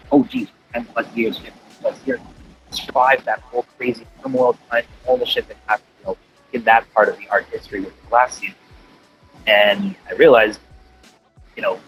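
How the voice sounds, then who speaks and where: A man's voice: medium pitch, fairly bright tone, low-quality recording. A man, a glass artist, guesting on a podcast, talking in a loose, profane way with many fillers and restarts. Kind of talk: casual chat.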